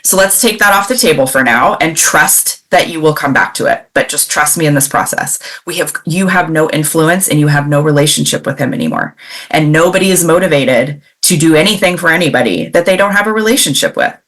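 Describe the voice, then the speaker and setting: A woman from the Pacific Northwest, a parenting coach telling a client story in a lively, conversational way, acting out quoted dialogue. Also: low voice, a little fast. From Pacific Northwest, USA. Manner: animated, acts out quoted dialogue, many fillers.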